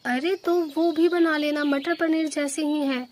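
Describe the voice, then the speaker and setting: A woman's voice: high-pitched, fairly even intonation, a little slow, a little mellow, slight background noise. A woman voicing a quarrelsome female sparrow, the elder daughter-in-law in a cartoon. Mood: arguing. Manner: argumentative.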